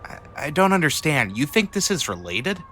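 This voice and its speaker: An actor playing a reluctant, wisecracking young student sidekick in a video game, wry and grudging. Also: male voice, fairly high pitch, big pitch swings, normal speed, sharp tone, heavily acted. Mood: uneasy, resigned. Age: young adult.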